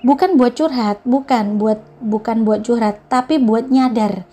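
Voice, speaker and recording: A woman giving a casual motivational talk, speaking gently and directly to the listener and mixing English phrases into her speech. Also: a little high, measured pace. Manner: mixes English phrases into Indonesian. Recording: soft background music.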